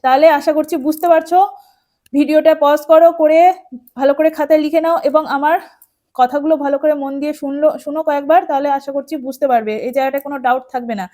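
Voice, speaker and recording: A woman with a high, light voice talks a class of children through a grammar rule. She goes over each point patiently and again, checking often that the students follow. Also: steady tone, quick pace, warm tone. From West Bengal, India. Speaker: teacher. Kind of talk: explaining an English grammar lesson.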